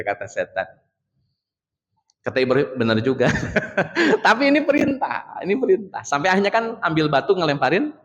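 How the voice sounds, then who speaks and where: A man preaching a casual midday sermon in a mosque, animated, acting out dialogues and addressing the men as Pak. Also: on the high side. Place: mosque hall. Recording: reverberant mosque hall.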